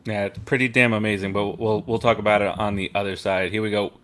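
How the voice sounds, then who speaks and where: A man's voice: lowish voice, flat delivery, fairly bright tone. Casual man hosting a podcast. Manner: steers the talk with quick interjections. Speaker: podcast host.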